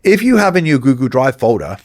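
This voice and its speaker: Direct, energetic male business coach. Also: mid-range voice, no echo, studio quality. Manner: direct, energetic, role-plays DM messages in quick asides. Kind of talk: instructional talk to camera.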